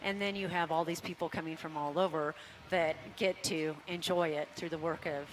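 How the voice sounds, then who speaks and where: A woman's voice: deep voice, steady tone, moderate pace, slight background noise, poor audio. An older woman, a rodeo organizer, speaking with enthusiasm in an outdoor interview. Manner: enthusiastic, promotional. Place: outdoors at a race event.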